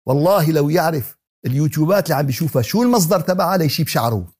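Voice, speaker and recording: A man with a Levantine Arabic accent giving a religious lesson in everyday dialect, animated and joking, asking his audience many rhetorical questions. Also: on the high side, rapid-fire. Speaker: Quran teacher.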